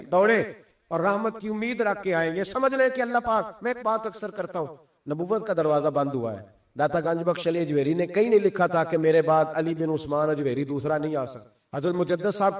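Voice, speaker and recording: Impassioned preacher, high voice, echoey. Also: male voice, distant mic. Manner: impassioned, rhetorical questions to the congregation. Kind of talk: sermon.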